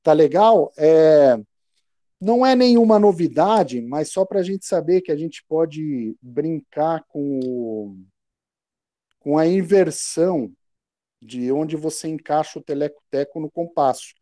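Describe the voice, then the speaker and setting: A man's voice: fairly high pitch, animated, slow pace, mellow, dry recording, studio quality. A man with a Brazilian Portuguese accent teaching percussion online, explaining patiently and chanting rhythm syllables aloud. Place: home room.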